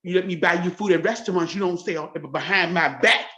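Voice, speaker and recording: A woman's voice: fairly low pitch, fast, a bit bright, muffled recording. A woman in her forties talking straight to camera in a confrontational rant, taunting and repeating herself. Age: 40s. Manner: taunting, repetitive, boastful. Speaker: church livestream host.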